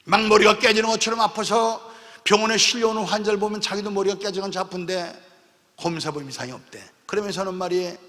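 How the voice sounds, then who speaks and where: Pastor, male, high bright voice, emotional revival storyteller; long church-hall reverb. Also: steady tone, fast. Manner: emotional, often tags lines with a questioning "eh?"; acts out dialogue voices while telling stories. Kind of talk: revival sermon with dramatic storytelling. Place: large church sanctuary at a revival meeting.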